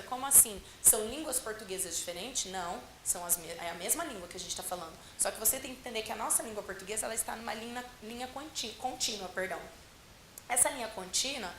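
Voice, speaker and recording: A woman's voice: fairly high pitch, bright, forceful tone. A woman Portuguese teacher giving a classroom lecture, often asking the class questions and answering them herself. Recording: roomy classroom with faint hiss.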